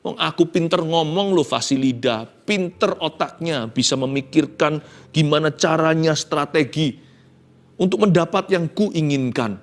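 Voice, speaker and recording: A man preaching a sermon as a pastor, swinging between loud emphatic lines and hushed, tearful acted pleas, with English phrases mixed in. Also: a little high, unhurried. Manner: dramatic preaching, acting out Jacob's pleas in hushed tones.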